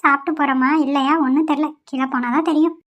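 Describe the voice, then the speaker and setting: A woman's voice: high-pitched, steady tone, quick pace. Woman as a mild young cartoon wife.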